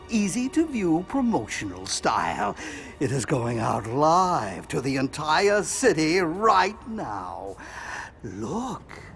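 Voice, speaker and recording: A man's voice: high-pitched, fairly bright tone, full character voice. A man playing a cackling mad-scientist villain. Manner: gloating, theatrical, frequent cackling. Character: scheming male wrestling-manager mad scientist villain. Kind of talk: comedic audio drama acting.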